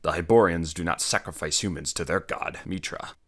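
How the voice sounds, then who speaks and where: A man voicing a gruff, hulking barbarian warrior who talks in blunt, scornful growls for an audiobook. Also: low voice, fairly quick, fairly bright tone. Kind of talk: audiobook character voice.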